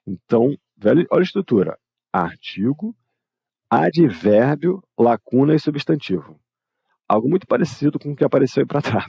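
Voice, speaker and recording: A Brazilian man with a low, gravelly voice leads an online English lesson. He explains casually and addresses his students directly. His tone is dark and husky, recorded close and dry. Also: no room sound. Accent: Brazilian Portuguese. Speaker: English teacher. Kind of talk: live online grammar lesson.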